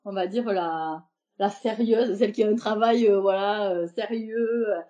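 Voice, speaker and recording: Une femme invitée d'un podcast, qui parle de façon décontractée et hésitante, avec beaucoup d'hésitations et de reprises. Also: female voice, mid-range voice, measured pace, dark tone, dull audio. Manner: hesitant, many fillers and restarts. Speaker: podcast guest, embroiderer. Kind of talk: casual interview talk.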